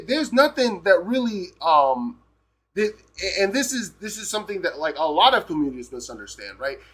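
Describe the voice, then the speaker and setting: Peruvian-born male streamer; emphatic, rambling rant delivery; bright, tense voice. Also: high-pitched. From Peru. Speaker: live streamer. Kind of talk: casual rant.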